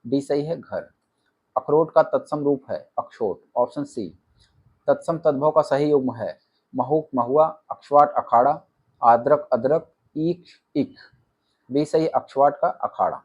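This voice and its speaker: Husky man rattling off quiz answers. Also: mid-range voice, measured pace, lo-fi sound. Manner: reads options, then states the answer flatly. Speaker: exam coaching teacher. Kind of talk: rapid-fire quiz answer walkthrough.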